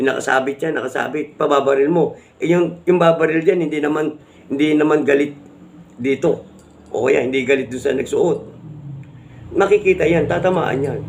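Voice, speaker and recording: Gravelly Filipino man explaining amulets. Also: on the high side, slight background noise. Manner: repetitive, rhetorical, keeps asking viewers to agree. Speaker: amulet vlogger. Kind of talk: casual explanatory talk to viewers.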